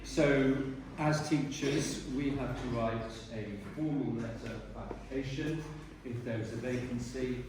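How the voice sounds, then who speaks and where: A man's voice: medium pitch, unhurried, few pauses. Older man giving a speech in an echoey hall. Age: 60s. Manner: warm, rambling, clears his throat often. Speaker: retiring teacher. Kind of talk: retirement speech at a dinner. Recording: echoey hall from far off, noisy.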